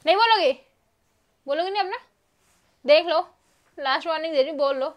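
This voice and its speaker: High-voiced woman pleading and scolding. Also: quick pace. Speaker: wife being pranked. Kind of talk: casual home vlog.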